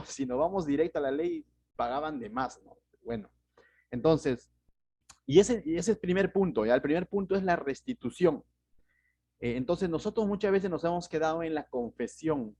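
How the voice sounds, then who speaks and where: A man's voice: mid-range voice, darkish tone, dull audio. A man with a Peruvian Spanish accent, a pastor giving verse-by-verse Bible teaching in a conversational way, often asking rhetorical questions.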